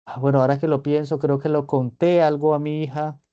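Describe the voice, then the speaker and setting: A man presenting a clinical case in a seminar, talking it through in a measured, reflective way and often checking in with his listeners. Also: a little high, flat delivery, warm tone, clear, resonant tone, no echo, lo-fi sound. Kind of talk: seminar lecture, thinking aloud. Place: online meeting.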